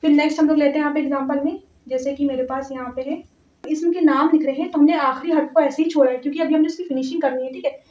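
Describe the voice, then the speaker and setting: A woman teaching a grammar lesson step by step, patient, repeating words slowly and often checking that her students follow. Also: high voice, fairly even intonation, a little mellow. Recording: echoey, distant, slightly dull audio.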